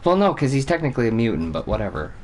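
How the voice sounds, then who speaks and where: A young man from Vermont streaming a hockey game, chatting casually and thinking out loud with some cursing. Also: medium pitch, sing-song, racing, slight background noise. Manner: rambling, cussing, thinks out loud. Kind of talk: casual gaming commentary.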